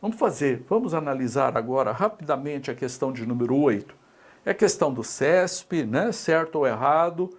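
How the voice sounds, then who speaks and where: A middle-aged Brazilian man teaches an exam-prep grammar lesson in a Brazilian Portuguese accent, moving step by step. His voice is mid-range with lively intonation, at a normal speed. He checks in with tag questions as he goes.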